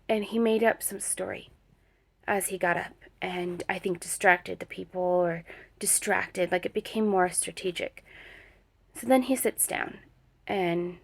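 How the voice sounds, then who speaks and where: A woman vlogger with a lowish, vocal-fry voice rambles through a personal dream vision, full of fillers and restarts. It's a religious account, and she speaks of prayer.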